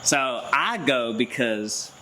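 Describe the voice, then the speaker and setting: A man, telling a story in a lively, animated way and laughing often. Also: mid-range voice, slow pace, slight background noise, rough recording. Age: 30s. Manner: animated, laughs often, acts out voices in his stories. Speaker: garage channel host. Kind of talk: casual storytelling chat.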